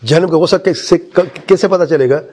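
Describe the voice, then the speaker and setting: Male religious teacher with a husky voice giving a Quran exegesis lesson; lifts into chanted recitation, then explains plainly. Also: fairly high pitch, a little mellow. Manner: asks the listeners rhetorical questions.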